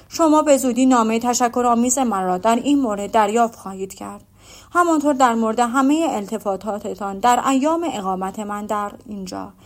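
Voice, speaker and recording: A woman reading the lines of a pompous, wordy male clergyman suitor in an audiobook, in formal, flowery speech. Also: on the high side.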